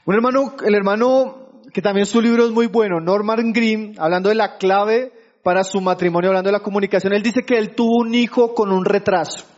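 Pastor, male, very high voice; sermon with rhetorical questions to the congregation, muffled recording. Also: steady tone, fairly quick, a little mellow. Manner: keeps asking the congregation for agreement; addresses listeners as brothers.

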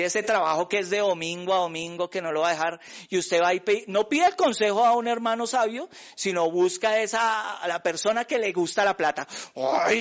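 A man's voice: a little high, fairly bright tone. Man, pastor, fervent sermon, frequent questions to the congregation, muffled lo-fi recording.

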